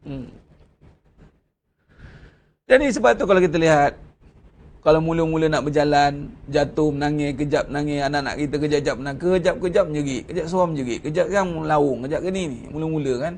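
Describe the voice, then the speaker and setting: Male religious teacher, Malaysian Malay accent, high-pitched, conversational sermon delivery with rhetorical questions. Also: a little fast, pauses often, darkish tone, slight background noise. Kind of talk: Ramadan religious lecture.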